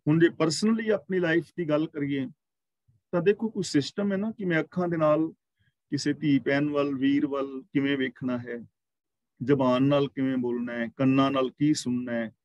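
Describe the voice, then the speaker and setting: Man slowly explaining scripture verses. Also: fairly high pitch, darkish tone, dry recording, lo-fi sound. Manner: explains verse word by word, slow chanted quotations. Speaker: katha teacher. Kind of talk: scripture exposition class. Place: gurdwara class, online. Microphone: video call.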